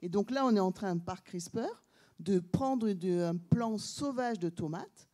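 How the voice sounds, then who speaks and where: A woman's voice: medium pitch, slow, mellow. A woman scientist on a panel, explaining plainly to a public audience with some hesitations and corrections.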